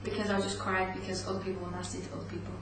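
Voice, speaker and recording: A woman's voice: mid-range voice, completely flat delivery, very fast. A woman in her twenties, a pop group member telling playful stories in a casual interview. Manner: warm storyteller, playful, acts out quotes. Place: webcast studio. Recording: echoey room from far off, noisy.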